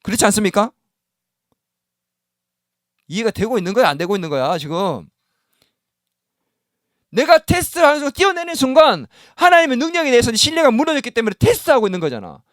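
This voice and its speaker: A man's voice: very high-pitched, very animated, brisk, long pauses, a bit bright, no echo, studio quality. A male pastor preaching a sermon in a church, often asking the congregation questions and acting out the words of doubting believers. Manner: voices doubting believers in first person. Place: church sanctuary.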